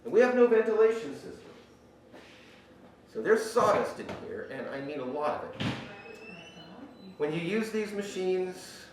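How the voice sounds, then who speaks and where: Man teaching through a face mask, very echoey. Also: on the high side. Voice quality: slightly muffled, speaking through a face mask. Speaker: makerspace shop instructor. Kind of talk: informal spoken orientation, explaining rules and equipment. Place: indoor woodworking shop. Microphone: distant microphone. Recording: very echoey workshop, distant mic, faint noise.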